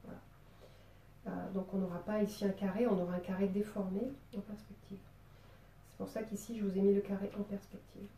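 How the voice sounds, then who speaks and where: Marseille-accent woman teaching drawing, chatty and playful, mellow voice, kinda far off and echoey. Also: medium pitch, level tone, a little fast, slight background noise. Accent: southern French (Marseille). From Marseille, southern France. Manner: chatty, playful, lots of fillers. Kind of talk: drawing tutorial. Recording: roomy sound, voice away from the mic.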